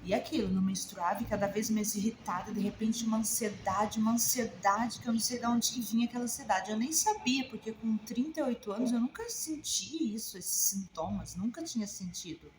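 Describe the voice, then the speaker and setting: A woman's voice: fairly high pitch, a little fast, few pauses, roomy sound, background noise. A woman in her forties with a Brazilian Portuguese accent, a naturopathic therapist telling her own health story to viewers in an emotional, conversational way. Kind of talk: personal story told to camera.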